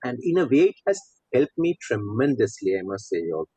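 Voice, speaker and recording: With a warm, husky, sing-song delivery at medium pitch, this middle-aged coach speaks fairly quickly as a podcast guest. He has a Sri Lankan accent, connections to Sri Lanka and Saudi Arabia, and tells a conversational personal story over dull, lo-fi, dry audio with no echo.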